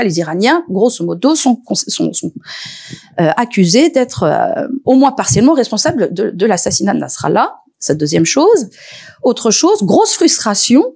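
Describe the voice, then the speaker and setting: A woman researcher speaking as an expert on a panel, lively and animated, often pausing with hesitations and restarts. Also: medium pitch, creaky, husky. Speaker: researcher and lecturer. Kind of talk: expert talk at a panel discussion.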